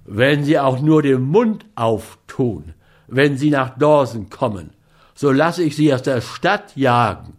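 A man voicing a stern, forceful man who gives orders and threats in a loud, firm voice. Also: mid-range voice, lively intonation, slow. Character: commanding, stern adult man, mining expert.

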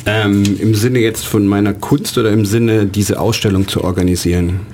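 Man, low voice, rambling, lots of fillers, interview guest, faint background noise. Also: fairly even intonation, normal speed. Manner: rambling, many "ähm" fillers and restarts. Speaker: artist and exhibition organizer, interview guest. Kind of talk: radio interview answers.

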